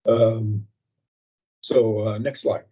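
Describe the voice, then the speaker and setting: A man presenting a slide update at a public meeting over a patchy remote microphone that sounds muffled, as if heard through a wall, speaking in halting bursts with many fillers. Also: fairly low pitch, little pitch movement, mellow. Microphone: remote call microphone with a patchy connection. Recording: muffled, dull remote call audio.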